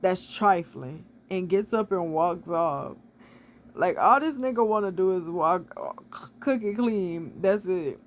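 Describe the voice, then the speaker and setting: A casual vlogger recapping a movie in loose, rambling talk full of "like". The voice sits at a middle pitch and throws in blunt, opinionated remarks along the way. A faint hiss of noise runs under the recording. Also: lively intonation, slow. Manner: chatty, filler-heavy retelling with frequent "like". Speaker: movie reviewer.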